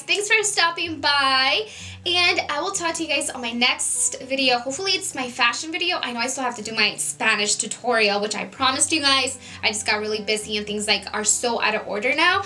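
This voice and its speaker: A woman's voice: sits high, bright, forceful tone. A young woman in her twenties chatting casually on her vlog, earnest and full of "like" and "you know" fillers. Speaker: beauty vlogger. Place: home, Southern California.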